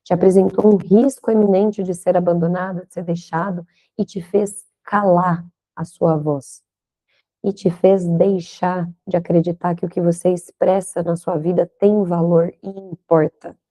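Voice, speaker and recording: Mellow-voiced woman teaching, full of questions. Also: fairly low pitch, little pitch movement, a little slow, poor audio. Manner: reflective, asks many questions, frequent "né?". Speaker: instructor. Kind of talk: recorded online lecture.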